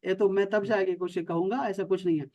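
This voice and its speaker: High-voiced Pakistani Arabic teacher. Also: male voice, fairly even intonation, mellow, highs cut off. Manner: explains patiently, repeats words, checks with students. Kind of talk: online class teaching.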